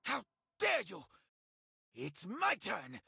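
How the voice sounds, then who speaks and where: A man's voice: high voice, huge pitch swings, slow, creaky, pushed and bright, breathy edge, no echo, studio quality, full character voice. A man voicing a gloating, imperious villain duelist in an anime card game, taunting and theatrical. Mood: indignant.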